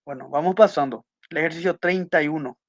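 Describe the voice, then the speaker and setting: In a class, a man with a voice on the high side speaks fast, patiently walking through test answers and restating the main points with brief check-in questions. The recording is dry, muffled, and lo-fi, with no room sound.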